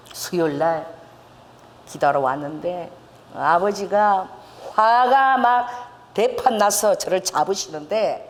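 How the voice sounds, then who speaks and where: An older woman pastor telling a lively testimony in a sermon, laughing and acting out quotes. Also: on the low side, big-room sound. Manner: storytelling with laughs and acted quotes. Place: church sanctuary.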